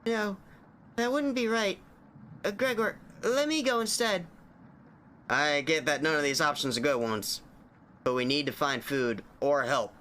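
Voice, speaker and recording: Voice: mid-range voice, lively intonation, unhurried, pauses often, pushed and bright, a little hiss or hum. A streamer voicing an earnest, self-sacrificing young woman from a survival horror game, with amateurish, hammy acting. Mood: pleading.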